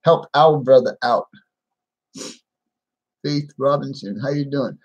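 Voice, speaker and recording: A man speaking without his teeth in a halting, plain-spoken way, repeating himself as he chats casually on a live stream. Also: mid-range voice, highs cut off. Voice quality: toothless, slightly slurred speech without dentures. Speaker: livestream host.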